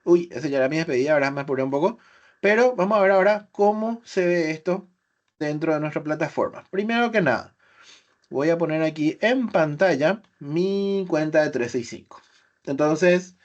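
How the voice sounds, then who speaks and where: A man presenting a webinar, explaining software step by step with rhetorical questions and filler sounds. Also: fairly high pitch, animated, brisk. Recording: slightly dull webinar audio.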